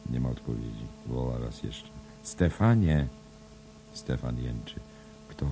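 A man reading a novel written as a play, measured and even, reading the stage directions aloud. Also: rumbling low, slight background noise. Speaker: audiobook reader. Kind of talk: scripted narration of a play-like novel.

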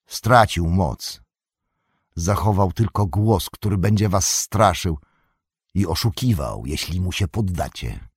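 A man voicing a young male hobbit who is calm, firm and merciful, speaking earnestly in an audiobook reading. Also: deep voice, takes it slowly, slightly rough, dry recording, clean studio sound, full character voice. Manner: earnest and commanding, raised voice.

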